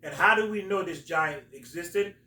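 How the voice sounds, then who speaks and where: A man hosting a talk, explaining religious stories in a halting, emphatic storytelling way. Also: on the high side, sharp tone. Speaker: host, religious teacher. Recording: roomy echo, distant from mic.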